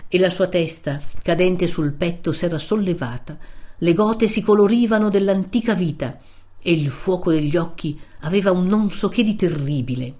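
Female narrator, audiobook reading; measured, expressive, lower pitch. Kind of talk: audiobook reading of a classic novel.

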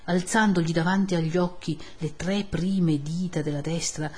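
A woman narrating a classic novel in a measured, expressive audiobook reading. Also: fairly low pitch, slightly rough.

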